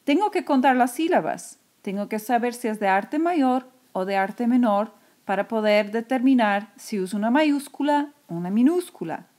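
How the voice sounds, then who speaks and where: A woman teacher, patiently explaining a lesson in a recorded screencast and repeating key terms slowly. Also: a little high, animated, a little mellow.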